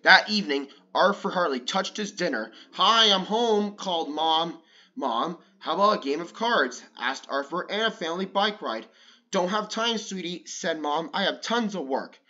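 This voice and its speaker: This read-along storyteller has a fairly high voice and is recorded with lo-fi sound. Reading a picture book for children, he voices the lines lively and loud when things get exciting, pausing now and then for casual remarks.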